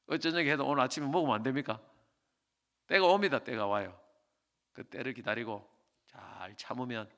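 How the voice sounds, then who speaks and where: A man preaching a sermon as pastor, swinging between loud exhortation and quiet pleading. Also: medium pitch.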